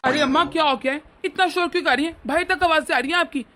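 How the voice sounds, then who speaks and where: A woman voicing a grown son in a cartoon story who tries to calm his quarrelling mother, placating and mildly exasperated. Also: high-pitched, quick pace, slight background noise. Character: grown son, peacemaking husband. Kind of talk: cartoon voice acting.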